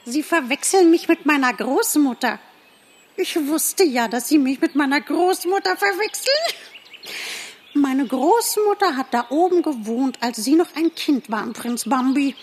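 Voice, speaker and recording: A woman's voice: animated, measured pace. A woman playing a chatty squirrel. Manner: eager, high and bright, talkative. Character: chatty young squirrel, lively and polite. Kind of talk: audiobook reading.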